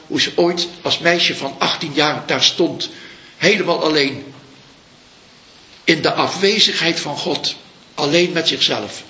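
Bright-voiced man giving a reflective dharma talk. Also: on the high side. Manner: slow, searching, pauses to find words. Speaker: Buddhist teacher. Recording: echoey room, dull lo-fi sound.

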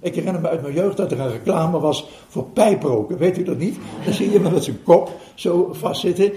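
A man's voice: fairly high pitch, expressive, a little fast, mellow. An older man, telling a story to an audience as a meditation teacher, chuckling and hesitating with fillers as he goes. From Netherlands. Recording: roomy hall recording.

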